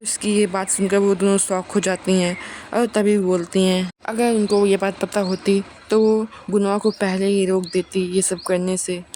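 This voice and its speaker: A woman's voice: mid-range voice, flat delivery, normal speed, warm tone, a little hiss or hum. A woman narrating a webcomic recap in a casual, matter-of-fact way.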